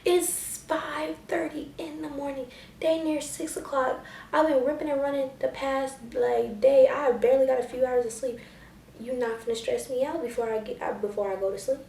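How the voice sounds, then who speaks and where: A woman's voice: high-pitched, a little fast, creaky, roomy sound, recorded from a distance, a little hiss or hum. Slangy young woman telling a story. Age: young adult. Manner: animated, slangy, acts out quotes in a raised voice. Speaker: vlogger. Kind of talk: casual storytime.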